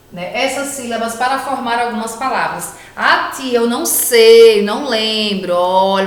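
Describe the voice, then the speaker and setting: A Brazilian woman teacher giving a patient, slow lesson to children, sounding out words one by one. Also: a little high, a bit bright, recorded from a distance. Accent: Brazilian Portuguese. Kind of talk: remote class lesson for children. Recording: echoey room, voice from off mic.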